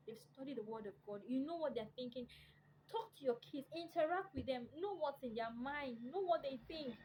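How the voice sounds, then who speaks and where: A woman with a high voice pleads with parents in an emotional, preachy appeal, close to tears and repeating words to drive her point home. Faint ambient noise hums under her voice. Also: darkish tone, low-quality recording. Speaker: vlogger.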